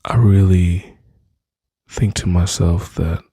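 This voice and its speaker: Man, dark husky voice, intimate soothing whisper-talk, dry close mic. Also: deep voice, fairly even intonation, slow pace, no room sound. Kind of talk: soft-spoken ASMR comfort roleplay.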